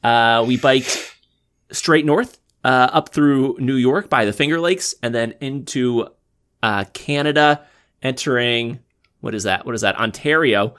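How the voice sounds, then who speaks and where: A man co-hosting a casual podcast chat, rambling and halting with fillers. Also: medium pitch, fairly bright tone, clear, resonant tone. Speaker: podcast co-host.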